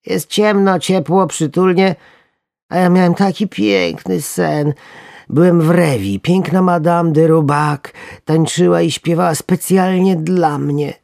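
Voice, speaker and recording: A man's voice: fairly high pitch, unhurried, creaky, darkish tone, no room sound, studio quality, voice pushed up. A man voicing a lazy, sleepy male worm who mumbles dreamily. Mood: drowsy. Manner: drowsy, mumbling.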